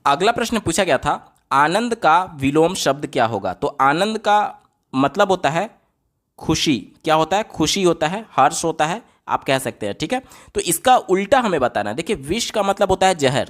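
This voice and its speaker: A man explaining exam questions step by step as a teacher, often asking a question aloud and then answering it himself. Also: sits high. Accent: Hindi. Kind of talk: explaining lesson on screen.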